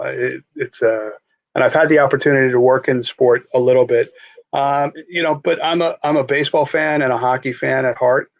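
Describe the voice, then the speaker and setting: A man's voice: mid-range voice, lo-fi sound. A man from Long Island with a Long Island accent, chatting as an interview guest about sports, with restarts and fillers. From New York, Long Island. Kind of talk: casual interview chat.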